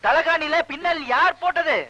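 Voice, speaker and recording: A man's voice: high voice, sing-song, normal speed, pushed and bright, slightly rough, muffled recording, heavily acted. A young actor playing an earnest army-captain son who pleads with his father.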